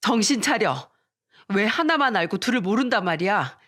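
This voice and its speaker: A stern older woman scolds her despairing friend, then pleads with her tenderly, a caring elder in a radio story, as a woman narrator puts her on. The voice sits at an ordinary middle pitch. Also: animated, normal speed, fairly bright tone. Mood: scolding.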